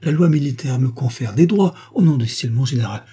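A man voicing a captured spy who argues gravely about death and then begs for his life, with a warm, husky voice. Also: medium pitch, normal speed. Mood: pleading. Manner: grave reasoning, then frantic pleading. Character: captured male spy, philosophical then desperate.

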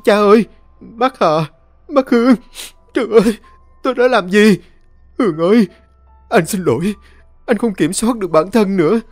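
A man's voice: high-pitched, moderate pace, long pauses, no room sound, soft background music, voice pushed up. A male storyteller voicing a desperate young man who cries out in guilt and defiance. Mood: anguished. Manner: shouting, anguished.

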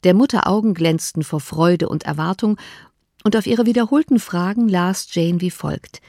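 A woman narrating an audiobook of a classic novel in an even, measured way. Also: on the low side, no echo, clean studio sound.

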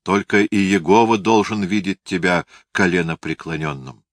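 A man's voice: low voice, normal speed, no room sound, studio quality. A man voicing a proud, noble prince who speaks in solemn, impassioned declamation. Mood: commanding.

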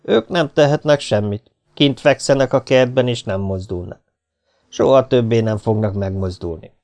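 A man voicing a young armed rescuer who mocks his enemies while calmly threatening them. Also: medium pitch, lightly acted. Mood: menacing. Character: cool armed young male rescuer, mocking. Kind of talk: audiobook character voice.

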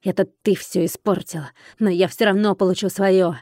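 A woman's voice: mid-range voice, steady tone, moderate pace, a little mellow, no room sound, clean studio sound, natural voice. A woman doing a growling, furious dragon man. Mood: menacing. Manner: growling, barking.

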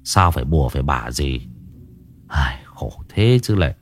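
A man's voice: very deep voice, animated, moderate pace, pitched below the performer's own voice. A man voicing a stern elder brother who scolds and gives orders.

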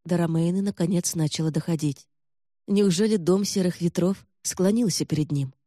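A man reads fantasy fiction aloud in a steady, even way, the voice dark and mellow. The recording is close and dry with no room around it. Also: high voice, normal speed, no echo. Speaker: audiobook narrator. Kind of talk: scripted fantasy narration.

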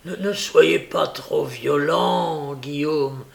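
A man's voice: a little high, expressive, unhurried, vocal fry, a bit bright, exaggerated voice. A man reading aloud and voicing an old, scheming male criminal who presses and pleads urgently. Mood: pleading.

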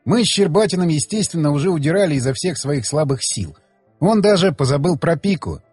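Husky, lively male audiobook narrator. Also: on the high side, brisk, no echo, soft background music. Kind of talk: first-person audiobook narration.

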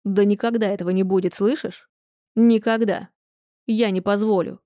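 A woman's voice: medium pitch, fairly even intonation, fairly quick, warm tone, dry recording, studio quality, natural voice. Woman reading as a harsh domineering grandmother. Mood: angry. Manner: harsh, scolding.

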